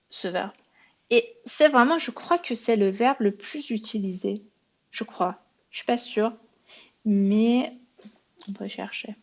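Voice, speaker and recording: A patient woman walks learners through beginner grammar drills at an unhurried pace, musing aloud and correcting herself as she goes. Her voice sits in a middle register, heard through a slightly dull, lo-fi recording. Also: mid-range voice, a little mellow. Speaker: French teacher. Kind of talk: beginner language lesson.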